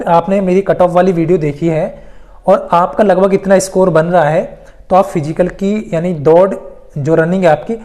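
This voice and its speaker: This medium-pitched presenter of exam news updates talks in a casual explainer style with a somewhat dark tone. She stresses her points emphatically, returning to the key ones for exam candidates and sprinkling English terms throughout.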